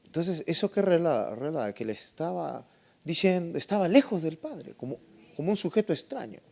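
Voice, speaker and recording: A male preacher with a fairly high, gravelly voice that swings widely in pitch. He teaches a Bible lesson with emphasis and keeps asking the congregation rhetorical questions. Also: big pitch swings, moderate pace, darkish tone.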